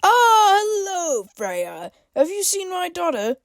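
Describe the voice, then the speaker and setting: A woman's voice: extremely high pitch, big pitch swings, takes it slowly, dry recording, clean studio sound, pitched above the performer's own voice, exaggerated voice. A woman putting on a worried shopkeeper dad with a fake accent. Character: gruff male shopkeeper father with a put-on accent.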